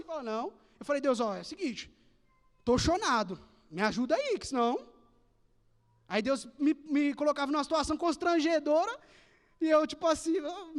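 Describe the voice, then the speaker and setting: A young man gives a relaxed, slang-filled youth sermon, acting out playful dialogues with God. His voice sits very high for a man. Long reverb fills the church hall around him. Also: smooth. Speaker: preacher.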